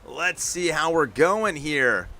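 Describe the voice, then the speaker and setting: A man hosting a live stream, calling play-by-play commentary with energetic hype and talking straight to his chat. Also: on the high side, slow pace. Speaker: stream host and announcer.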